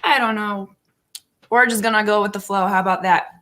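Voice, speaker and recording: A woman in her thirties with a rough morning voice, chatting casually and earnestly on a live stream. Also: medium pitch, steady tone, a little fast, a bit bright. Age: 30s. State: morning frog voice. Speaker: livestream host.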